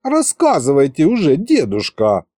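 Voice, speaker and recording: A man's voice: a little high, wildly swooping pitch, unhurried, warm tone, dry recording, full character voice. A man voicing a capricious, whiny young woman with a pouty drawl.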